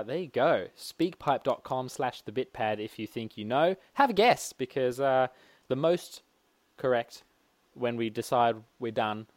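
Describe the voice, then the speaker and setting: A man co-hosting a casual gaming podcast, playful and animated, often laughing. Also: medium pitch, no room sound. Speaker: podcast co-host.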